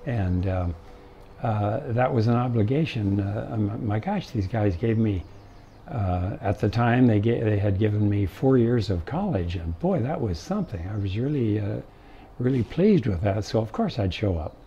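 An older man speaks in a low, mellow voice, telling his life story with frequent pauses and fillers. The recording is a little muffled, with faint background noise. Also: animated. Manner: halting, many uh fillers. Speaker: interviewee. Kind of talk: casual storytelling.

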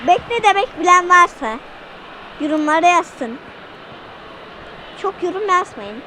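A woman giving excitable let's-play commentary, shouting at the game and talking to her viewers. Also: very high-pitched, a little slow, a little hiss or hum, poor audio. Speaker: gaming channel host.

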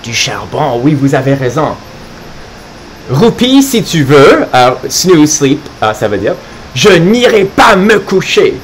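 A man's voice: a little high, slight background noise. Man reading a kids' story expressively. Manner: expressive, pauses to explain words in English. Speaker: French teacher for children. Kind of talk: live children's story read-aloud.

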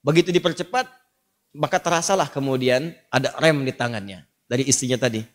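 A man's voice: medium pitch, a little fast. A male Islamic preacher telling a story in a sermon, acting out scenes and quizzing his audience with questions. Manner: animated, dramatizing, quizzing the audience.

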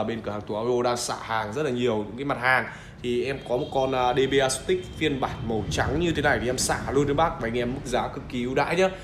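Man, Northern Vietnamese accent, mid-pitched voice, hard-sell product pitch, insistent urging, echoey room. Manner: insistent, repetitive, urging buyers. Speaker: audio shop seller presenting a product. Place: indoor shop room with audio gear. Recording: roomy echo with faint background noise.

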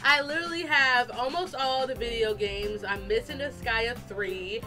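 A woman artist giving a chatty, animated, self-deprecating casual voice-over for a drawing video. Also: on the high side, moderate pace. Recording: fan blowing nearby, slightly distorted, music behind. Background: music and a fan running.

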